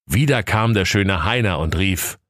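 Deep guy telling a funny fairy tale, north german accent, really animated, dry studio. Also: measured pace, dry recording. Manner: lively, playful storytelling. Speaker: storyteller. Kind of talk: comic fairy-tale narration.

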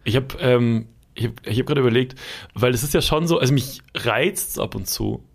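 A man in his thirties co-hosting a relaxed podcast conversation. His voice sits at an ordinary middle pitch. He tells stories in a rambling way, full of fillers and restarts. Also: normal speed, creaky. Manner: shouts out quoted lines when retelling. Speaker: podcast co-host. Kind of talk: casual chat.

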